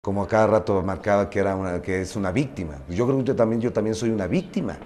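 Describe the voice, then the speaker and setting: A man's voice: fairly low pitch, quick pace, background noise. A man answering in an interview in a defensive, insistent way.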